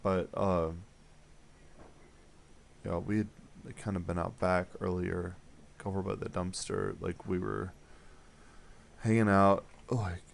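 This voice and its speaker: A man's voice: low-pitched, level tone, slow, gravelly, long pauses, a little hiss or hum. A man making a prank phone call, rambling and apologizing in a flustered, mumbling way. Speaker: prank caller.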